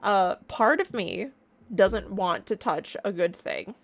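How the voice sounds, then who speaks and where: Casting: woman, online reaction streamer, casual excited chat, playful and enthusiastic delivery, mid-range pitch. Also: slow pace. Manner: bubbly, playful, gushing enthusiasm.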